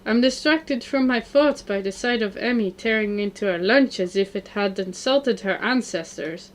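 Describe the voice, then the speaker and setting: A woman's voice: mid-range voice, moderate pace, natural voice. A woman reading an awkward, thoughtful teenage boy. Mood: reflective.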